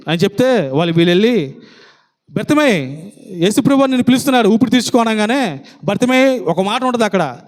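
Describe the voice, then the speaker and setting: Man, preacher, fervent sermon, high-pitched, rhetorical challenges to the congregation.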